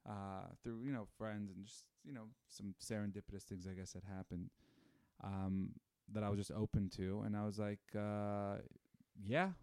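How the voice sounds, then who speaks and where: A man in his thirties chatting casually and spinning stories, full of "you know" and "like". His voice is lowish and smooth, recorded close and dry with no room sound. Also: moderate pace, dry recording. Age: 30s. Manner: animated storyteller with many fillers. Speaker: podcast guest. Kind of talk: casual chat.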